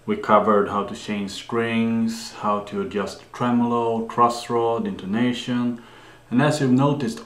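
A man's voice: on the low side, reverberant. A man giving a plain, practical guitar care lesson in an instructional video, with some fillers and restarts.

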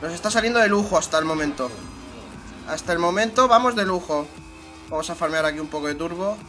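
A man's voice: fairly high pitch, quick pace, sharp tone, soft background music. A young man with a Spain Spanish accent commentating his own racing game, muttering asides and breaking into exasperated swearing. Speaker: gaming channel host. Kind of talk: let's play commentary.

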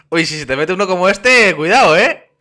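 A man's voice: high voice, animated, normal speed, bright, forceful tone. A man, chatting and laughing playfully during co-op gameplay as a gaming YouTuber. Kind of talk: casual co-op gameplay chat.

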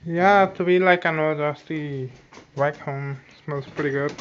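A man's voice: fairly high pitch, fairly even intonation, a little slow, a bit bright, muffled recording, a little hiss or hum. A laid-back man chatting while exploring an abandoned house, recorded on a phone. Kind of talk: casual chat while exploring. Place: dark abandoned house, indoors. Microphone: phone camera.

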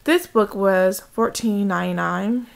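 In a casual home craft vlog, a woman films on a handheld camera and talks a bit slowly in a creaky, mid-range voice. She shows her haul with an informal, enthusiastic show-and-tell tone.

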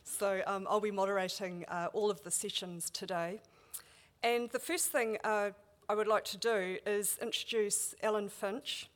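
A woman's voice: mid-range voice, fairly even intonation, a little slow. A woman from New Zealand with a Kiwi accent, chairing a conference and welcoming the audience in a casual, filler-laden manner.

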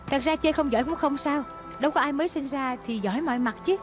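Woman voicing kind female teacher, high voice, quick and coaxing, dubbed TV drama. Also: over music, natural voice. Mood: encouraging. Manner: gentle and coaxing. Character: kind, encouraging female schoolteacher. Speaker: dub actor. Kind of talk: Vietnamese dub of a TV drama.

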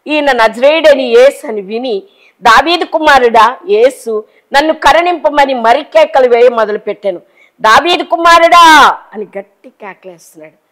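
A woman's voice: lively intonation, normal speed. Fervent middle-aged woman preaching. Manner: fervent, pleading, swings between loud cries and hushed low lines. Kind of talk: emotional Telugu sermon.

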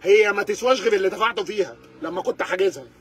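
A man's voice: high-pitched, very fast, fairly bright tone, husky. A man with an Egyptian Arabic accent, a car reviewer ranting to camera in a sarcastic, exasperated way, firing rhetorical questions. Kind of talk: animated rant to camera.

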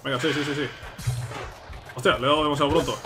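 A man with an accent from Spain giving casual game commentary, often repeating phrases excitedly. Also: on the high side, quick pace. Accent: Spanish from Spain. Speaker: gaming video host. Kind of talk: casual let's play commentary. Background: game music.

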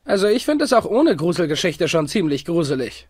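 A man's voice: sits high, big pitch swings, brisk, slightly rough, exaggerated voice. An actor playing a nervous, timid young male sidekick in an adventure game.

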